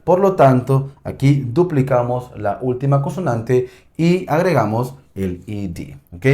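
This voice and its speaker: Male teacher, unhurried and animated, walking students through rules and checking in often. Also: mid-range voice. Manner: explains step by step, often checks with "¿ok?". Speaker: English teacher. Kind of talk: classroom lesson explaining grammar.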